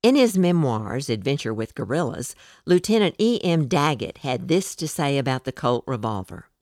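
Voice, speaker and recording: Low-voiced woman narrating history. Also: big pitch swings, normal speed, darkish tone, no room sound, clean studio sound.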